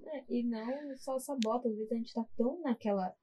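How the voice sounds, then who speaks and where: A Brazilian woman co-hosting a podcast in relaxed casual chat, with a Brazilian Portuguese accent. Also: fairly high pitch, fairly quick, low-quality recording. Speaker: podcast co-host.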